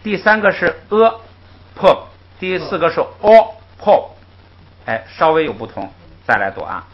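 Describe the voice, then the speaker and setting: A man's voice: on the high side, normal speed. A man teaching a language class, patiently explaining rules and modeling syllables for the class to repeat. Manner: lively, patient, interjects "ai" often, models syllables for repetition. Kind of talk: classroom lecture with call-and-repeat drills. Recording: muffled lo-fi recording.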